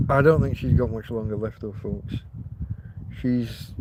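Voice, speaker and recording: Against a noisy background, a medium-pitched man wanders through his live stream, talking casually to viewers. He often starts sentences over, and a tickle in his throat gives him a slight cough.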